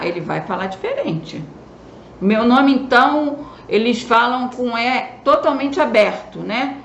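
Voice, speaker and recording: Gravelly Brazilian teacher, roomy lo-fi sound. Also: female voice, medium pitch, slight background noise. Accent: Brazilian Southeast. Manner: explains slowly, checks in with "né?". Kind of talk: remote lesson for children.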